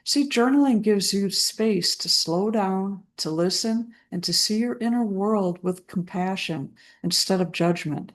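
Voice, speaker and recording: A woman speaking as a trauma recovery coach, guiding listeners through a self-help practice in a gentle, soothing way with deliberate pauses. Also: mid-range voice. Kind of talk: slow guided self-help talk.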